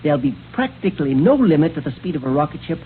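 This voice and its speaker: An actor playing a kindly, excitable inventor in a 1930s radio serial, stammering and fussy. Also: male voice, on the high side, fast. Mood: earnest, proud. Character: excitable, kindly male scientist-inventor, proud of his gadgets. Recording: scratchy, tinny old radio recording.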